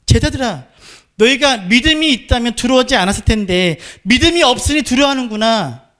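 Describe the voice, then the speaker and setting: A man's voice: extremely high pitch, lively intonation, a little fast, fairly bright tone, pitched above the performer's own voice. A man voicing Jesus as an earnest grown man teacher, speaking plainly and from the heart in the first person. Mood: exasperated.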